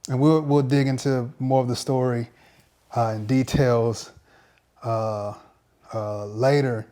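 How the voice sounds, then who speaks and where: A male pastor giving a personal faith testimony in a reflective, halting way, often repeating words as he searches for them. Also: mid-range voice, fairly even intonation, warm tone.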